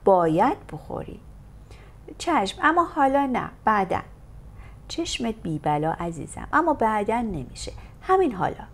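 A woman's voice: medium pitch, animated, dark tone, voice pushed up, close to an everyday voice. A woman voicing an insistent, motherly older hostess who coaxes a boy to eat, in a storybook reading. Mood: coaxing. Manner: coaxing, insistent.

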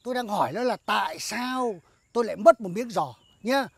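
An actor playing a stingy, bad-tempered old village master who scolds and repeats himself in a slapstick comedy film. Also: male voice, high-pitched, expressive, brisk, vocal fry, husky, dry recording, heavily acted. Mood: aggrieved.

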